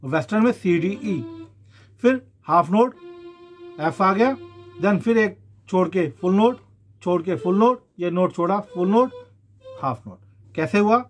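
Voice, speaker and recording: A man's voice: high-pitched, lively intonation, a little slow, long pauses, soft background music. A man explaining keyboard scales in a patient, casual tutorial, counting the steps out aloud. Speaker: keyboard teacher.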